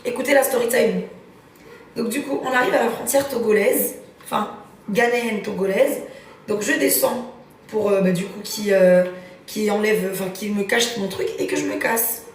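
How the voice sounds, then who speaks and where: A woman's voice: mid-range voice, a little hiss or hum. Young woman telling a slangy story in an echoey room. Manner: slangy, lively storytelling, quick asides. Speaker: livestream host. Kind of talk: casual storytime on a live stream. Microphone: phone. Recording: roomy, far from the phone mic.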